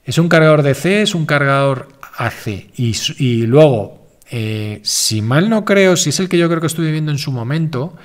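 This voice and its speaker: A man's voice: on the high side, expressive, normal speed. A man hosting a casual live stream, answering viewer questions in a rambling, self-correcting, informal way.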